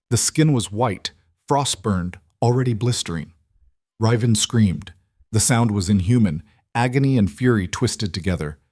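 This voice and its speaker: A man reading a dark fantasy romance with measured, dramatic storytelling. His voice sits low, and the recording is dry and close with no room sound. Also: dry recording. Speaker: narrator. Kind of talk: scripted audiobook narration.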